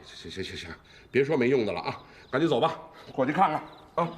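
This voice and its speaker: An actor playing a gruff, scolding father. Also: mid-range voice, sing-song, fast talker, a little hiss or hum, lightly acted.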